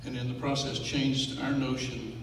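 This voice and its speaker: An older man from West Texas, speaking in a mid-range voice, gives a grave and measured talk as a guest speaker to a club audience in a meeting hall. He takes his time, pausing often and filling gaps with "uh." The recording was made from far off, so it sounds echoey, with constant background noise.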